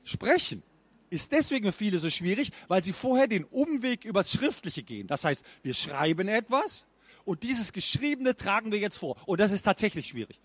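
A man giving a stage talk as a speech trainer, lively and mimicking bad speaking habits with exaggerated intonation. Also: high-pitched, normal speed, no echo. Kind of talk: stage talk at a book fair.

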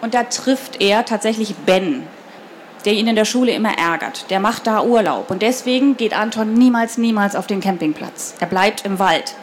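A woman reading a children's novel aloud in the first person and then talking lively and directly to young listeners about the story. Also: medium pitch, normal speed, a little hiss or hum. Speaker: reader of a children's book.

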